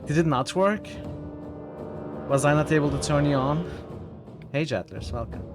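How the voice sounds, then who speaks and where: A man's voice: on the high side, normal speed. A man chatting playfully with his livestream viewers through a headset mic, joking about himself. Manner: playful, self-mocking banter. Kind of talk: casual livestream chat with viewers. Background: game music.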